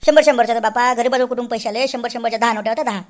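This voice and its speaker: High, breathless cartoon granny, voiced by a woman, talking. She whines and pleads like a poor village grandmother. Her voice sits very high and tumbles out fast. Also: fairly even intonation, natural voice. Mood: pleading. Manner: whiny, pleading, rapid. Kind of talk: cartoon voice acting.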